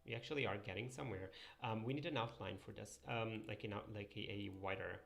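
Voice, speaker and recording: A young streamer whose first language is Italian draws pixel art while casually thinking aloud and answering his live chat. His voice is on the low side, gravelly and a bit bright, and he talks at a quick pace.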